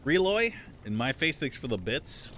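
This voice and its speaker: A man's voice: medium pitch, very animated, normal speed, noisy background. A man talking casually over a livestream headset mic while playing a game, swearing often and chatting to viewers. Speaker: game streamer. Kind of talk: casual live gameplay commentary.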